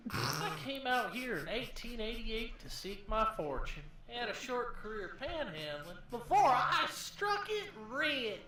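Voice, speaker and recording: A ancient American old prospector, high and piercing, in a game. He drawls in a cranky, folksy, cackling way, taking his time, in a very echoey space. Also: wildly swooping pitch, slow pace, bright, forceful tone, recorded from a distance, exaggerated voice. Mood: boastful, amused.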